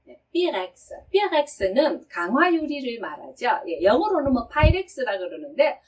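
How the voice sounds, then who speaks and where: A woman's voice: on the high side, sing-song, recorded from a distance, a little hiss or hum, poor audio. Patient woman teaching French lyrics. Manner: patient, explains step by step, reads French slowly. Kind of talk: song lyric pronunciation lesson.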